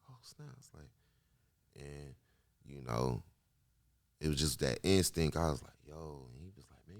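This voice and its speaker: A man in his late thirties from Kansas City, a musician guest telling stories in a slangy, animated way. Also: rumbling low, no echo, clean studio sound. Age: 30s. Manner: slangy, repetitive, animated storytelling. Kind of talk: casual interview chat.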